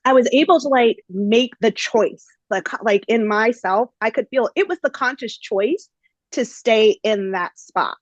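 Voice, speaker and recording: A woman's voice: fairly high pitch, animated, measured pace, dry recording, dull audio. Chatty woman podcast host. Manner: chatty, many fillers and "like". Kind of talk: casual conversational storytelling.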